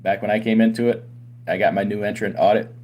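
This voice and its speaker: His voice sits on the low side, fast and a bit mellow, with little pitch movement. As a trucking company owner and channel host, he argues his opinions to camera, throwing out many rhetorical questions.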